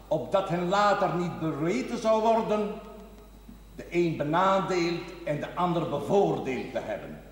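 In a television drama, a male actor with a fairly high voice portrays a slow-speaking pastor giving a solemn, admonishing sermon. His delivery is measured and rhetorical. The large, reverberant indoor space lends a church-like echo, and background noise can be heard.

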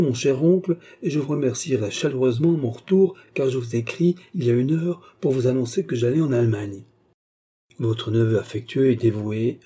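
A man's voice: mid-range voice, warm tone, slightly rough, natural voice. A man reading aloud as a gracious, melancholy young French marquis who speaks with formal courtesy.

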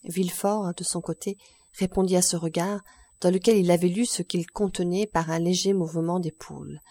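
A woman reading a classic novel aloud as an audiobook narrator, calm and measured. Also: fairly low pitch, no room sound. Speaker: audiobook reader.

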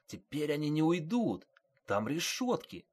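Male reader as earnest young trainee, urgent, lively pitch. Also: measured pace, slightly rough, exaggerated voice.

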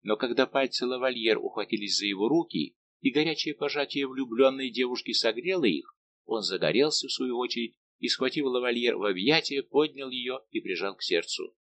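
A man narrating an audiobook in a measured, expressive reading. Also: medium pitch. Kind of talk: scripted narration.

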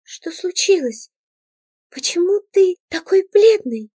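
A woman's voice: extremely high pitch, animated, takes it slowly, dark tone, no room sound, pitched above the performer's own voice, heavily acted. A woman voicing a young female ghost who speaks emotionally and pleads through tears. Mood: worried. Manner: emotional, pleading, tearful outbursts. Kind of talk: audiobook character voice.

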